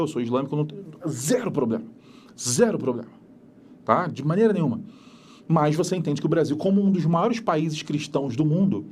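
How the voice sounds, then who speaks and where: Man, Carioca accent, geography teacher, animated pitch, mellow warm tone, chatty lecture. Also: slightly rough. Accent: Carioca Brazilian Portuguese. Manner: lively, conversational, asks rhetorical questions. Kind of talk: recorded lecture.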